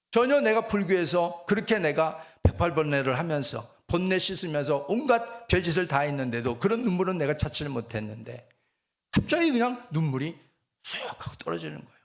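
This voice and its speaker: Animated, lively-pitched male pastor. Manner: animated storytelling with frequent rhetorical "eh?" asides. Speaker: senior pastor. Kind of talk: sermon testimony.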